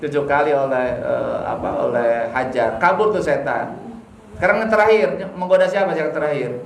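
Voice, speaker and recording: A fairly high-voiced man with a Sundanese-tinged accent gives a chatty sermon to a women's gathering. He tells the story loosely, tosses questions at the listeners and slips in jokes. The room rings with echo. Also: animated, normal speed, gravelly, slight background noise. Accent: Sundanese-tinged Indonesian. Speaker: preacher at women's study group. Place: indoor religious gathering. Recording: echoey room.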